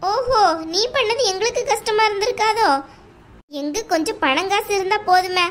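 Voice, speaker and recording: A woman's voice: very high-pitched, fairly bright tone, slight background noise. A woman voicing a scheming, domineering middle-aged mother-in-law who talks in a scornful, taunting way in an amateur audio drama. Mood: scornful, bossy. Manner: scornful, bossy, drawn-out taunting.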